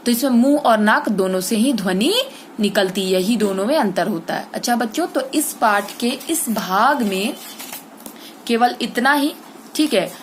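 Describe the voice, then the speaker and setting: A woman teaching an online Hindi grammar class, explaining step by step, saying example words slowly and checking in with the children. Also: fairly high pitch, animated, a little hiss or hum. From India.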